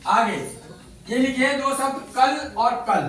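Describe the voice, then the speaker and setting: A man's voice: very high-pitched, unhurried, fairly bright tone, slight background noise. A male teacher giving a classroom lesson, quizzing the children and repeating their answers back. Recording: echoey classroom from far off.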